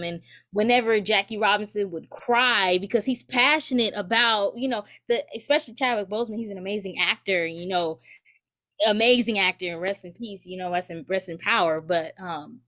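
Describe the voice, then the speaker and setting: A woman's voice: mid-range voice, a bit bright. A woman student giving earnest personal testimony at a community forum, with many fillers and restarts.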